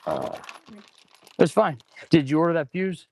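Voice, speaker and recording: An auto shop mechanic hosts a casual livestream while working, rambling informally and calling viewers "man" and "guys." His high voice swoops wildly in pitch at an unhurried pace with a darkish tone, and he breathes heavily through his mouth from a stuffy nose. There's a little hiss or hum in the audio.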